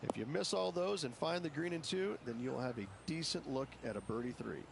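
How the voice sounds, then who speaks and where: Emphatic golf commentator, slightly high. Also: male voice, animated, a little fast. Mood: emphatic, descriptive. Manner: descriptive, emphatic about difficulty. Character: emphatic male golf course analyst. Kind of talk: golf broadcast analysis in a video game. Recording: clear outdoor ambient noise.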